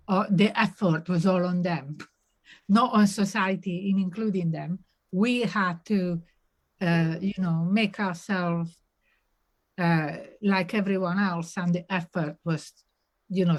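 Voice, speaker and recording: A woman, a guest on an online panel, speaking haltingly with many fillers and restarts over a video call. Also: lowish voice. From Italy.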